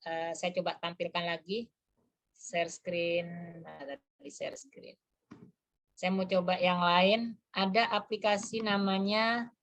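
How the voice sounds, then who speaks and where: A woman's voice: mid-range voice, a bit bright. A woman presenting an online lesson, explaining step by step as she demonstrates an app on her phone. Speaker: webinar presenter.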